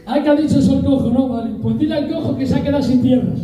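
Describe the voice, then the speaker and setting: A man's voice: extremely high pitch, fast talker, warm tone. A man with a Spain Spanish accent playing a stern ancient king within a sermon, in a commanding, dismissive manner. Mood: curt. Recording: echoey church hall, mic at a distance.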